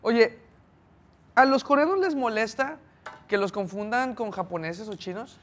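A man's voice: high-pitched, a little slow, a bit bright, slight background noise. A Mexican man hosting a casual chat, curious and asking many questions. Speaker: host.

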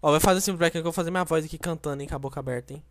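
A man giving excited, jokey commentary while playing a building game with a friend. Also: fairly high pitch, very fast. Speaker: gameplay commentator. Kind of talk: casual let's play chat.

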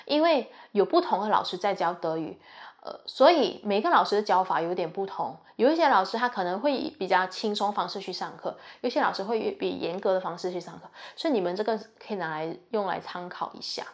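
A young woman talks through her student experience in a chatty, earnest way. Her voice sits at an ordinary middle pitch, and she sounds like a university student passing on advice. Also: animated, a little fast. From Malaysia. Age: young adult. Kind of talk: casual advice talk.

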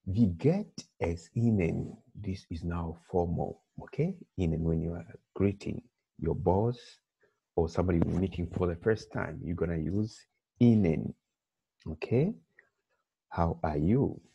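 A man's voice: sits low, gravelly, warm tone, husky. A man teaching a language lesson from a textbook, patiently explaining and checking in with "okay?" after each point. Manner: patient, repeats "okay?" often, rising checks. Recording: dull lo-fi recording.

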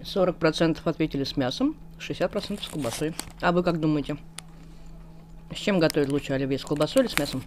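A woman's voice: low voice, quick pace, a little mellow, a little hiss or hum. A woman hosting a mukbang, chatting casually to the camera with her mouth full. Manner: chatty, talking while chewing. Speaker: mukbang host. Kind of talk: casual eating chat to camera.

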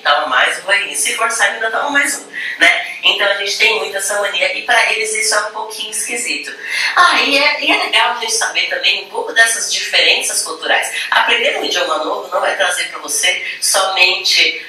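A middle-aged Brazilian woman with a Brazilian Portuguese accent, explaining culture playfully and expressively in a teacher's video, recorded indoors. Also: medium pitch. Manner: playful, expressive, animated storytelling. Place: indoor room. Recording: roomy echo, distant mic, faint hum.

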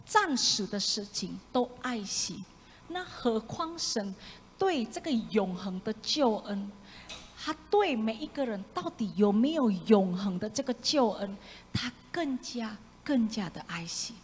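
A woman preaching a sermon, animated, acting out voices and dropping into whispered asides. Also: fairly high pitch, measured pace. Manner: animated, acts out voices of the prophet with sudden loud and whispered asides. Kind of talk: sermon with congregation reading along. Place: church hall. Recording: echoey church hall, faint room noise.

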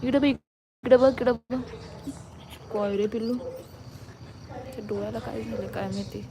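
Woman bossing her dogs around, bit high voice, noisy outside with dogs n traffic. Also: steady tone, a little slow. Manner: coaxing, scolding pet talk. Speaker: vlogger. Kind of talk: casual vlog, talking to her dogs.

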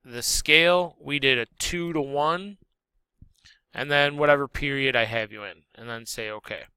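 A man teacher walking students through a software drawing tutorial step by step, relaxed and correcting himself as he goes. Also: mid-range voice, measured pace, clear, resonant tone, dry recording. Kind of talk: screen-recorded software tutorial.

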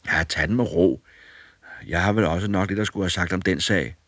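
A man voicing a fearless, cheeky boy in an audiobook fairy tale, bright and eager. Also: low-pitched, no room sound, clean studio sound. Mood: cocky. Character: fearless, cheeky young boy who cannot feel fear.

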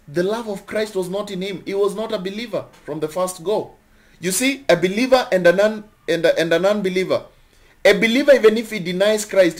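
A young man with a notably high-pitched voice delivers a sermon. He talks in an animated way, repeating his phrases and stopping to chuckle between points. His rhetorical questions keep the teaching moving. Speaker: preacher.

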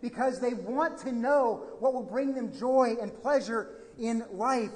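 Here an animated, gesturing pastor, an American man in his thirties, delivers a sermon at the pulpit, moving from quiet reflection to emphatic appeals. His pitch is extremely high and his pace measured. Captured on a pulpit microphone, the sound carries the reverb of the church hall.

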